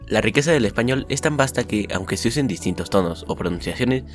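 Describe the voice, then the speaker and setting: A man with a low, voice narrates a scripted summary of school lessons. He reads the lesson text at an even, steady pace. Faint music plays under his voice. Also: quick pace. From Mexico. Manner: upbeat intro, then steady reading of lesson text.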